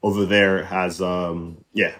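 A man's voice: low voice, flat delivery, takes it slowly, fairly bright tone. A young man who grew up in Haiti with French and Haitian Creole as his first languages, a podcast guest chatting in a reflective way with many fillers and restarts. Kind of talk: casual conversation.

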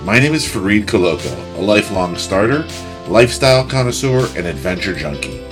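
A man's voice: lowish voice, very animated, brisk. A man hosting a podcast, reading a scripted intro and then asking upbeat, friendly questions. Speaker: podcast host. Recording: intro with faint music behind.

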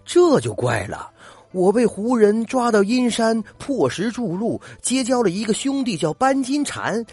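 A man's voice: high voice, very animated, measured pace, darkish tone, husky, pitched above the performer's own voice, exaggerated voice. An older man voicing an honest, flustered young tofu maker who stammers and exclaims, in a told folk tale. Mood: eager.

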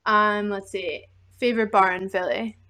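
A woman in her thirties interviewing a musician in casual chat, relaxed and friendly with many fillers. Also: medium pitch, moderate pace. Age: 30s.

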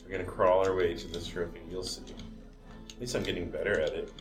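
A man with an Arizona American accent and a fairly low voice hosts a casual game session. He explains rules and jokes as he plays, with faint music behind him. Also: fairly even intonation, fast talker. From Arizona, United States. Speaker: host of a group game session with interview. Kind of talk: casual chat while explaining and playing a video game.

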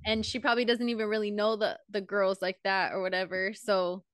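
A woman's voice: mid-range voice, flat delivery, brisk, clear, resonant tone, dry recording, studio quality. A young woman co-hosting a podcast in casual chat, blunt and chatty, swearing casually and laughing often. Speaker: podcast co-host.

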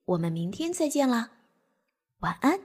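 Young woman storyteller, breathy voice, lively bedtime reading for kids. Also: on the high side, moderate pace. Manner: gentle, expressive reading for children.

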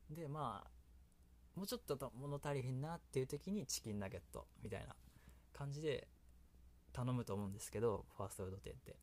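A man's voice: mid-range voice, quick pace, darkish tone. A man with a Kansai accent hosting a casual solo radio talk, rambling and often laughing at himself. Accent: Kansai Japanese. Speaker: solo radio host and creator.

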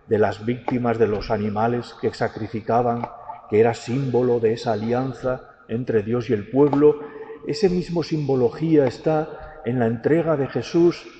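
A priest reads the gospel and preaches slowly and deliberately, drawing out key words, in a large church with a long echo. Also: male voice, mid-range voice, mellow. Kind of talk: gospel reading and homily. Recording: church with a long hall echo, dull and lo-fi, faint background hiss.

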